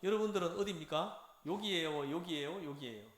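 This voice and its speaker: A man giving a lively Bible lecture, acting out lines and having his class repeat them. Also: on the high side, fairly quick. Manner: animated, acts out dialogue, has audience repeat phrases. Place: church lecture room. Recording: echoey room.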